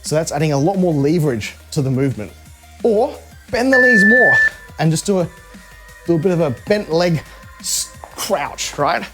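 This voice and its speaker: A man's voice: on the high side, sing-song, moderate pace. A man coaching a live workout in a casual, conversational way, cueing exercise moves step by step. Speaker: fitness coach. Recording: music behind the voice. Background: music.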